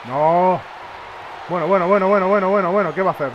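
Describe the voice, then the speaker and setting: A man with a Spain Spanish accent giving excitable live commentary over a wrestling video game, reacting with shouts. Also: high-pitched, quick pace, muffled recording. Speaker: gamer. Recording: loud game crowd and noise behind. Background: wrestling game crowd noise.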